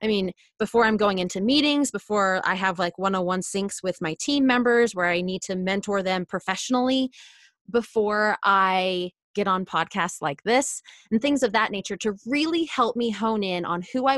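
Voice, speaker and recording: A woman speaks as a podcast guest in an earnest, casual way. Her voice sits in an ordinary middle pitch. The sound is dry and close, with no room in it. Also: normal speed, a bit bright, no echo. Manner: earnest, self-help tone.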